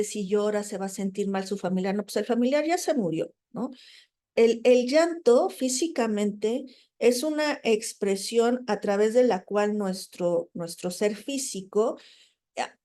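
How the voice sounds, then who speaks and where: Mellow-voiced woman giving a lecture. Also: mid-range voice. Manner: conversational, frequent "¿no?" tags and fillers; acts out quoted people while explaining. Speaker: teacher. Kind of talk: recorded lecture.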